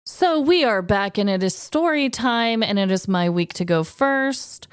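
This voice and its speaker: A young woman co-hosts a comedy podcast, her medium-pitched voice animated but measured in pace, with faint music playing behind. She's playful and exaggerates as she trades casual comedic banter and tells dramatized true-crime stories.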